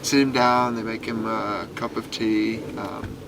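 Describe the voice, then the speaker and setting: Pria muda, aksen Inggris, bercerita santai, banyak "like", suara serak, latar kendaraan berisik. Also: male voice, fairly low pitch, little pitch movement, a little slow, vocal fry, background noise. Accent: British. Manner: chatty, many fillers and "like". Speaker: storyteller. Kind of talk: casual oral storytelling.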